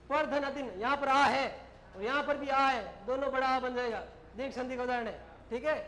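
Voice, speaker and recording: A man's voice: very high voice, a bit bright, rough recording. A male teacher giving a classroom grammar lesson, dictating words and explaining them in short, repeated phrases.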